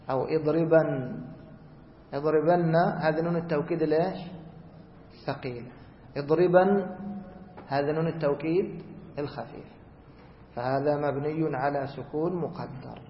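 A man teaching a grammar lesson who asks the class questions, answers them himself, and repeats key rules slowly. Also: a little high, slight background noise. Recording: echoey hall, dull lo-fi sound.

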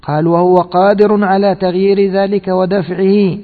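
A man's voice: high-pitched, level tone, moderate pace. A man giving a scripture commentary lesson. He reads a text aloud, explains it, and quizzes his listeners with rhetorical questions. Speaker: religious teacher. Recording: tinny echoey hall recording.

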